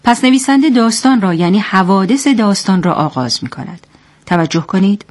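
A woman presenting scripted literary commentary in a clear, didactic manner, and narrating a story. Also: medium pitch, animated, darkish tone.

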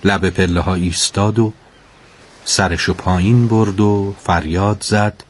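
A man narrating a storybook tale in a calm, measured way with dramatic pauses. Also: sits low.

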